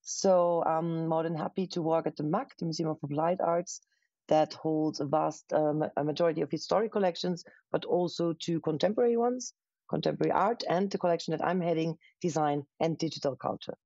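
A woman's voice: low voice, warm tone, no room sound, dull audio. Austrian woman curator on a video call. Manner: thoughtful, pauses with fillers. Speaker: museum curator, guest. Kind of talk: casual interview answers. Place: living room at home. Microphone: webcam on a video call.

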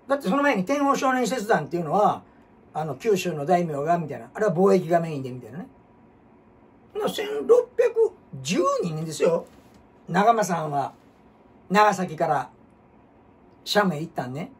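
A man with a Kansai accent, hosting a casual history talk as an animated storyteller who jumps between topics and asks rhetorical questions. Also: high-pitched, normal speed, pauses often. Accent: Kansai Japanese. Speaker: host. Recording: husky voice from far off the mic.

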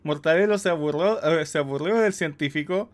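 A man's voice: on the high side, fairly quick. A man with a Latin American Spanish accent giving casual, amused reaction commentary. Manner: amused, breaks into chuckles. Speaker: reaction host.

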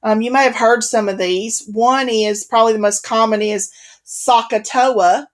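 A woman's voice: fairly high pitch, fairly even intonation, normal speed. A woman math instructor giving a recorded video lecture, patient and repeating key points with the odd "um" and "okay".

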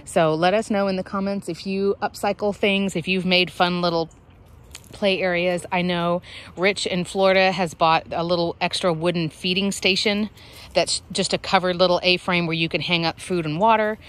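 A backyard chicken keeper with her kids chats casually outdoors, filming on her phone, pointing out how things are built and calling her hens in a high sing-song. Her voice is steady, a bit bright, and delivered at a moderate pace.

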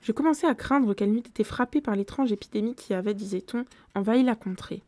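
A woman reading a classic novella aloud on a live stream, in steady storytelling with occasional self-corrections. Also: medium pitch, fast, dry recording. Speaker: book reader on a live stream.

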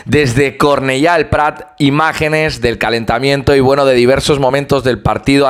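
A man hosting his fan channel, giving a fluent, opinionated match recap and analysis as a voice-over, with occasional "eh" pauses. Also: mid-range voice, smooth.

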